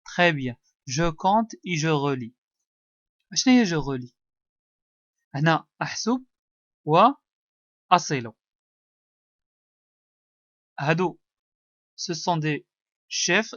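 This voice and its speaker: A man with a Moroccan accent, a primary school teacher giving a child a one-on-one reading test, coaxing patiently, repeating words slowly and mixing French with Arabic. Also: a little high, expressive, no echo. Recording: dull dry lo-fi recording.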